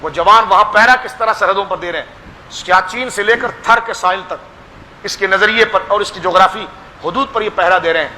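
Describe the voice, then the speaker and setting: A man's voice: high-pitched, pushed and bright, in a large hall, slight background noise. A man with a Pakistani Urdu accent giving a fervent religious sermon to a gathering, exhorting his listeners and calling them his children. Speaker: pir giving a religious speech.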